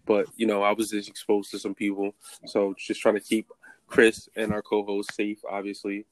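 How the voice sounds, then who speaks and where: Casual male podcast host: nasal, stuffed-up, slangy, fairly even delivery, very dry recording. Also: lowish voice, moderate pace, no room sound, low-quality recording. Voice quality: nasal, congested. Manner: informal street slang.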